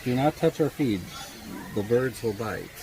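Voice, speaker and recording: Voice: medium pitch, lively intonation, a little slow, warm tone. A visitor chatting casually for a vlog and reading out signs at a bird park. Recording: very noisy outdoor bird park.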